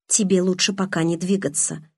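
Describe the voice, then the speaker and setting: A woman reading an audiobook, voicing a calm, gentle young man who speaks softly and insistently in a slightly husky voice. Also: on the low side, moderate pace, no echo, studio quality. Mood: quiet insistent.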